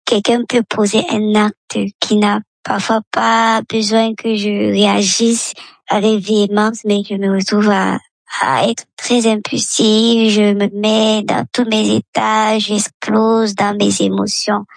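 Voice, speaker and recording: A woman's voice: mid-range voice, flat delivery, slow pace, creaky, no room sound, poor audio. A woman, leaving a recorded voice message through a voice changer that disguises her voice, explaining her feelings candidly. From Cameroon. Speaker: listener calling in.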